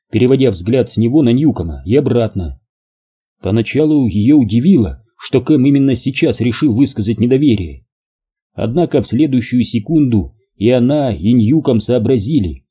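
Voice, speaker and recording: A male audiobook narrator with a very dark, mellow voice and a husky edge. He reads in an even, measured way at a middle pitch.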